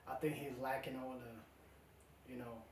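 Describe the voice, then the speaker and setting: A young man from South Sudan, a musician being interviewed, talking casually with many pauses and fillers. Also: medium pitch, a little hiss or hum. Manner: relaxed, halting with many fillers. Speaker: musician guest. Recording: echoey room, from far off.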